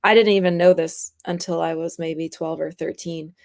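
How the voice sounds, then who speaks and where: Rambling through a casual interview with frequent laughs, this young woman guest is a graphic artist from the United States who grew up partly in France. She speaks at a normal speed with fairly even intonation, and her lowish voice has a darkish tone.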